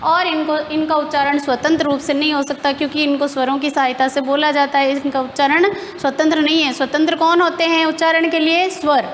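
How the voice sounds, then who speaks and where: A woman's voice: high voice, little pitch movement, a little fast, few pauses, long reverb tail, slight background noise. A woman teacher explaining grammar step by step in a classroom lesson, asking questions and answering them herself.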